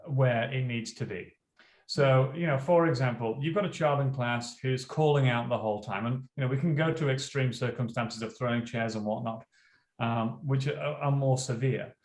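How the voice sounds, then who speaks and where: A school principal being interviewed, telling animated stories and acting out classroom dialogue. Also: male voice, mid-range voice. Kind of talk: interview storytelling. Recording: roomy echo.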